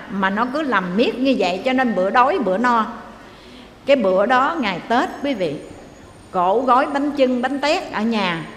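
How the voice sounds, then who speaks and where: Southern Vietnamese nun telling a story. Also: female voice, on the high side, slight background noise. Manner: animated, addresses audience directly. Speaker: Buddhist nun preacher. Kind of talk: sermon storytelling. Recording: echoey hall, faint ambience.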